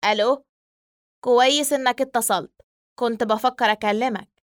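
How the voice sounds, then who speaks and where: A woman's voice: on the high side, normal speed, no room sound, clean studio sound, close to an everyday voice. A woman voicing a reassuring Egyptian young man. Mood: worried. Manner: soothing, reassuring, urgent. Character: loyal young man comforting his friend.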